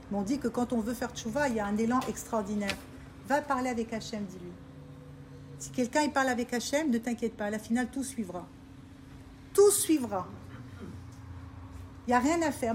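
A religious teacher gives an informal Torah talk to a group of women, her voice sitting high over a little hiss or hum. She is emphatic and repetitive about faith, often checking whether her listeners understand.

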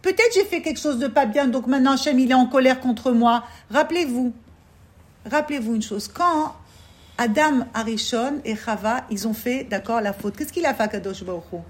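A woman teaching a religious class to other women, talking lively and asking many rhetorical questions. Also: a little high, moderate pace. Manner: lively, asks rhetorical questions, checks in with "d'accord?".

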